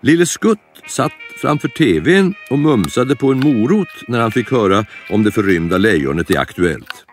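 A man narrating a children's storybook in an animated, expressive way. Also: mid-range voice, faint music behind.

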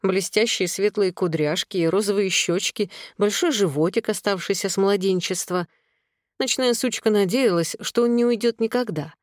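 A woman's voice: medium pitch, darkish tone, dry recording. Woman reading a novel, dry close sound. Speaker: audiobook narrator. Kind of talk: scripted narration.

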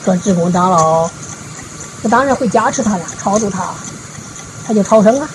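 A woman giving a Buddhist dharma talk, retelling a parable in a folksy storytelling way, with frequent drawn-out filler particles. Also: mid-range voice, expressive, slight background noise, low-quality recording. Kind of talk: storytelling sermon.

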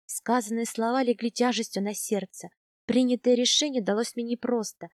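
Woman, audiobook narrator, first-person story, slightly high voice, soft intimate reading, dry recording. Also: fairly even intonation, moderate pace, no echo.

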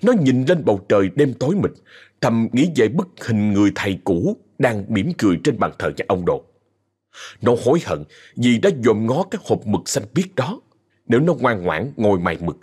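A man's voice: mid-range voice, a little mellow, breathy edge. A man telling a ghost story in a dramatic way.

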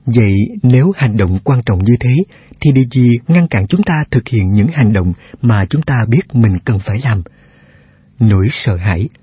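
A man reads a self-help text aloud, his voice very husky and breathy, steady and measured, putting rhetorical questions to the listener. The sound is dry and close, and a little dull and lo-fi. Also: mid-range voice, no room sound. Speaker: narrator. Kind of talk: scripted self-help narration.

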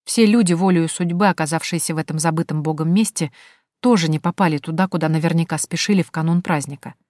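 A woman reading a novel aloud in an even storytelling manner. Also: sits low, quick pace, no room sound, studio quality. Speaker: audiobook narrator. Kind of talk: scripted narration.

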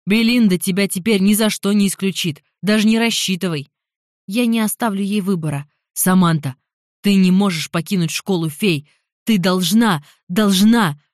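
A woman voicing a pushy, self-serving invisible young man in an audiobook, pressing and insistent in a slightly lowered voice. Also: slow, no echo, studio quality, lightly acted. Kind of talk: audiobook character voice.

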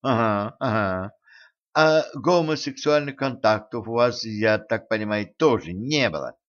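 Guy reading a calm careful doctor, slow n hesitant, muffled audio. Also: lowish voice. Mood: soothing, pondering. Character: calm, tactful, slightly guilty male doctor. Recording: dull lo-fi recording.

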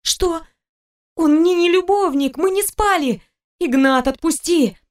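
A frightened young wife, her voice jumping high and shrill as she insists, voiced by a woman narrator. Every word comes out urgent and pleading. A storybook heroine caught in a panic. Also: moderate pace, close to an everyday voice.

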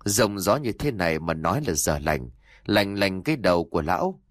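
A sharp-tongued old widow, put on by a male narrator, curt and scolding. Her voice sits low but moves a lot. The recording is dry. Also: very animated, normal speed, dry recording. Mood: grumbling.

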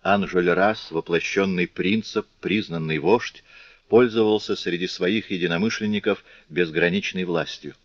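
A man narrating a classic novel audiobook in a measured, dramatic reading, in a dull, lo-fi recording. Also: low voice, dry recording.

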